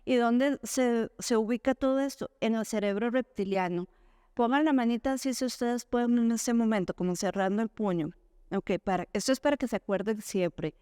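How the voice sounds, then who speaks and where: A woman gives an educational talk to parents. She speaks in a fairly high, smooth, clear voice, asking the audience questions and answering them herself. The sound is dry and close. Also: moderate pace, mellow, no room sound. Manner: acts out quoted parents and children in a higher voice.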